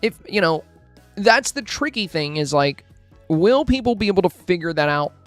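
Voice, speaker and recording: A man's voice: high voice, very animated, normal speed, dry recording, faint music behind. Chatty man giving friendly critiques. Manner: friendly, thinking aloud with many fillers and restarts. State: hiccuping, with a headache. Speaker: streamer reviewing game screenshots. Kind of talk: casual live-stream review commentary.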